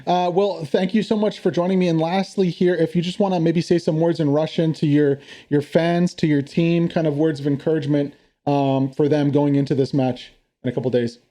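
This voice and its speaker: A man's voice: a little high, level tone, a little fast, dark tone. A man hosting a casual interview with esports team commanders, friendly and talkative with many fillers.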